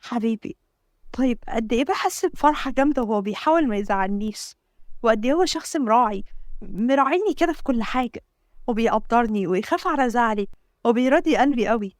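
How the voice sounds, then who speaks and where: A woman's voice: on the high side, expressive, fast, dry recording, clean studio sound, close to an everyday voice. A woman voicing a loving, stubborn young bride, speaking with an Egyptian Arabic accent. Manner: affectionate, firm.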